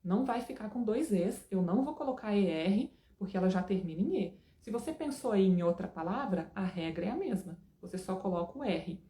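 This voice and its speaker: A woman's voice: mid-range voice, expressive, fairly quick, hardly any pauses, dark tone, echoey room. A woman teaching an English lesson in a casual, chatty way, often checking in with her students.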